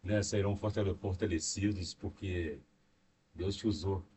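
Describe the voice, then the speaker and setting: A Brazilian man with a lowish voice talks in a devout, meandering way and fills his pauses with tag questions. He sits away from the mic, and faint background noise sits under his voice. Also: steady tone, far from the mic. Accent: Brazilian Portuguese. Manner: rambling, devout, frequent fillers. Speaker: podcast co-host. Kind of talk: devout casual conversation.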